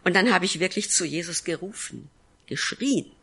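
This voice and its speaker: A woman pastor telling a personal testimony from the pulpit, her voice low-pitched yet bright and forceful. She tells her story earnestly and acts out the quoted lines of the people in it, in a church. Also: lively intonation, normal speed, slightly rough. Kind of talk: sermon testimony.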